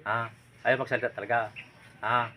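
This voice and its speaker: Guy doing a folk healing ritual, bossy and insistent, keeps pushing with "ha?", normal pitch, lots of background noise and roosters. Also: flat delivery, normal speed. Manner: commanding, insistent, repeatedly prodding with "ha?". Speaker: folk healer. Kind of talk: interrogating a spirit during a healing ritual.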